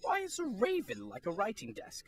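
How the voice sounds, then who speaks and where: A woman's voice: fairly high pitch, huge pitch swings, moderate pace. A woman playing the Mad Hatter, an eccentric and moody tea-party host, with erratic theatrical delivery in an amateur audio drama. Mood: testy, contrary.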